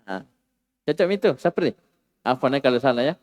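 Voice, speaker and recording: A man teaching an Arabic grammar lesson in a classroom, lively and animated, acting out exclamations for his students. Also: medium pitch, fairly quick, in a large hall. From Indonesia.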